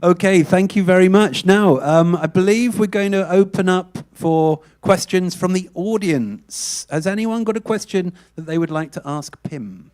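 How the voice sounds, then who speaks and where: A host leads a question session with a visiting author. The questions come steady and plain, often opening with "um". The talk takes place in a room before an audience. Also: mid-range voice, measured pace, hardly any pauses. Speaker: event host and interviewer.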